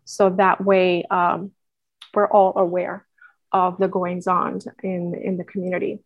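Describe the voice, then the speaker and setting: Answering interview questions as a nonprofit staff member, this woman from Puerto Rico speaks earnestly yet flatly, at a measured pace, in a lowish voice full of fillers and restarts. There's no echo, though the high frequencies are cut off.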